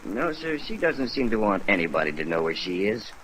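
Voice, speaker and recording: An actor playing a gossipy, folksy American apartment manager in a 1950s radio drama, chatty and slangy. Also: male voice, on the low side, very animated, a little fast, crowd noise, low-quality recording. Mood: gossipy, offhand. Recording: old radio recording with rain noise.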